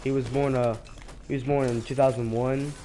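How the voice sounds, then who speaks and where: A teenage boy streamer, stuffy and congested from being sick, rambles through casual commentary while playing a shooter, hesitating and restarting often. His male voice is mid-range and mellow, with a level tone at normal speed. There's a slight hiss or hum in the recording.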